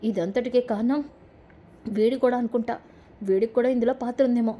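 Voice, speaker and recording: A woman's voice: on the high side, fairly even intonation, brisk, warm tone, lightly acted. A woman doing a blunt sarcastic young husband. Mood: defiant. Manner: sarcastic, defiant.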